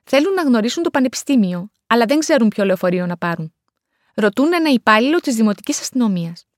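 A woman reads language lesson narration and textbook dialogues in a careful, measured way. Her voice sits fairly high. The recording is dry and close, with no room sound. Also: sing-song, dry recording. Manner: clear, careful, measured reading.

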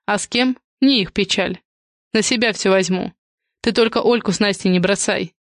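A resigned grown son about to go to prison, voiced by a woman reader, curt and flat in his instructions. The reading is close and dry, in an average register. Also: medium pitch, normal speed, no echo, lightly acted. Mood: grim. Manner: blunt, resigned. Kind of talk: audiobook character reading.

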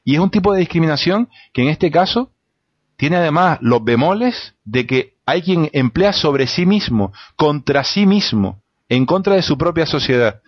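A man from the Canary Islands, a guest in a debate show, arguing emphatically and rhetorically, pausing on fillers as he builds his points. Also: a little high, lively intonation, no echo, muffled recording. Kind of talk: impassioned studio debate argument.

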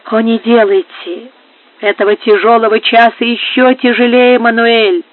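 A woman's voice: on the high side, level tone, a little slow, lightly acted. Woman reading as a trembling young countess. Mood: pleading. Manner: trembling, pleading. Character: young countess, torn and frightened. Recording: dry, phone-like narrow sound.

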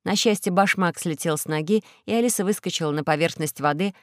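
A woman narrating a children's audiobook in a steady, clear storytelling voice. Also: on the low side, fairly quick, no room sound, studio quality.

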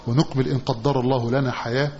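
A man with an Egyptian accent teaching a hadith commentary lesson, often quizzing his listeners with a drawn-out "what?" and repeating the answer. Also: mid-range voice, level tone, darkish tone. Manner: asks the class questions, repeating phrases with a drawn-out "what?". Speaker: religious teacher. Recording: dull lo-fi recording with faint hiss.

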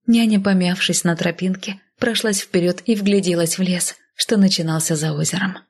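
A woman narrating a first-person fantasy audiobook in a measured, even storytelling manner. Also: fairly low pitch, slightly rough.

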